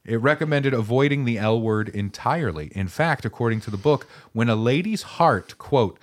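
A man's voice: mid-range voice, lively intonation, moderate pace. A man co-hosting a comedy podcast, reading old dating advice aloud and joking about it. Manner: reads old quotes aloud, jokey, laughs often. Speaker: podcast co-host. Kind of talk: casual comedic chat.

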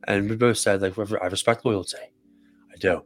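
A man's voice: fairly low pitch, steady tone, moderate pace, soft background music. A man co-hosting a podcast, talking in an earnest, emotional way and swearing casually. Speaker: podcast co-host. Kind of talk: casual heartfelt podcast talk. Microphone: podcast microphone.

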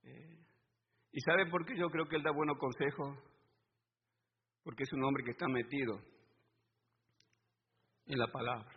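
A male preacher giving a sermon, asking his congregation call-and-response questions and swelling to loud emphatic stretches. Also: mid-range voice, steady tone, unhurried, pauses often, slightly rough. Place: church hall. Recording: reverberant hall, dull lo-fi sound, faint noise.

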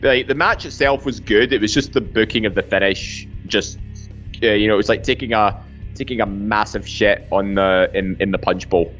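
A man's voice: fairly low pitch, normal speed, fairly bright tone, muffled recording, soft background music. A man chatting casually as a podcast panelist, with a blunt, wry way of talking. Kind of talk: casual chat.

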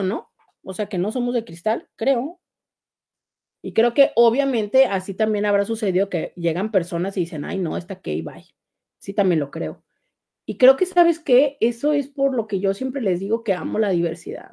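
A Mexican couples therapist chats casually on a live stream, her warm, mid-range voice laughing often as she reads viewer comments aloud with playful sarcasm.

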